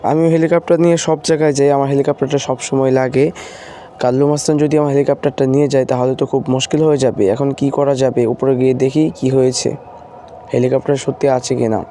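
Franklin, a stubborn and vengeful grown man, voiced by a man, grumbling low and mellow in a game roleplay. He addresses his viewers as friends. A faint noise runs underneath. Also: level tone, brisk, close to an everyday voice. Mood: worried.

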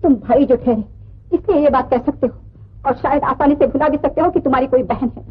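A woman's voice: high voice, fairly quick, natural voice. An actress playing a proud young woman who sharply scolds her younger brother, in 1950s film acting. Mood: reproachful. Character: proud reproachful elder sister, young woman. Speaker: elder sister. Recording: dull old film soundtrack.

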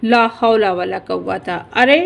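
A woman's voice: mid-range voice, unhurried, vocal fry, voice pushed down. A woman reading a peevish sick husband. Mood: irritable. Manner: groaning, peevish complaints. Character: irritable sick middle-aged husband.

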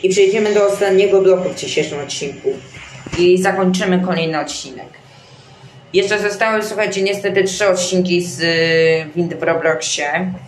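A man's voice: high voice, steady tone, moderate pace, a little hiss or hum. A young man casually commenting on a game he is playing, rambling with many fillers and restarts. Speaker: gaming channel host. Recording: roomy echo, faint game music behind.

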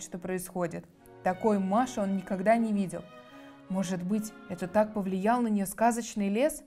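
A woman reading a fairy tale aloud for children in a soft, expressive way. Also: mid-range voice. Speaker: storyteller.

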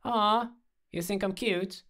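A man's voice: mid-range voice, lively intonation, normal speed, fairly bright tone, close to an everyday voice. Brief: teasing, theatrical young man, coaxing and playful, read by a man.

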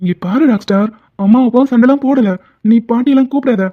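A woman voices a flirty cartoon husband, sounding flustered as she explains herself defensively and flirtatiously. Her voice is fairly high and quick, close to an everyday voice, and the recording sounds tinny, like a phone.

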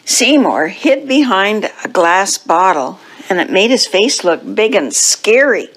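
Slow, animated woman reading a storybook. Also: mid-range voice, poor audio. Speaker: children's story reader at a church service. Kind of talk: reading a picture book aloud to children. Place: church.

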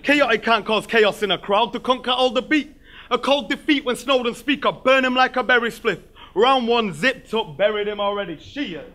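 A man performing a rhymed rap battle verse at a live venue, firing brash insults. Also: extremely high pitch. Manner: brash, rhymed insults delivered fast and loud. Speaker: battle rapper.

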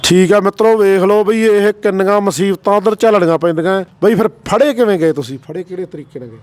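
High-voiced man interviewing. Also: a little fast, no echo. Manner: brief agreeing replies, gently probing questions. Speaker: reporter interviewing. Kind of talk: casual street interview.

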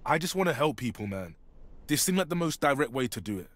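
An actor playing a sardonic but idealistic vigilante superhero who banters, in a video game. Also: male voice, mid-range voice, very animated, quick pace, fairly bright tone, dry recording. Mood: earnest. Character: wry idealistic male vigilante superhero, banters with old friends.

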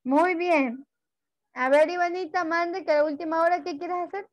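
High-voiced patient teacher. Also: female voice, steady tone, moderate pace, dull audio. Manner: patient, affectionate, full of diminutives. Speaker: preschool teacher. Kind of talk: online class for young children.

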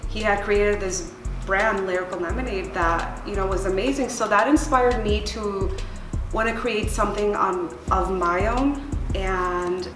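A Salvadoran-born woman in her late twenties, who moved to Chicago when she was six, speaks slightly slowly in a mid-range voice. Interviewed about her work making music videos, she reflects casually and candidly, frequently saying "like" and "you know." Music plays under the echoey audio from a small, bright, window-lined indoor room.

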